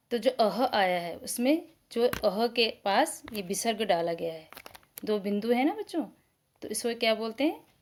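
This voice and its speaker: A woman teaching a school lesson to children, asking questions and answering them herself, sounding out each letter slowly. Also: mid-range voice, a little mellow. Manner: slow, spelled-out pronunciation.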